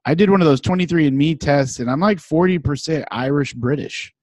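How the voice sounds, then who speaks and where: A man's voice: fairly high pitch, a little fast, a little mellow, dry recording. A man co-hosting a show, rambling through a casual story with chuckles. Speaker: co-host. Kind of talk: casual banter.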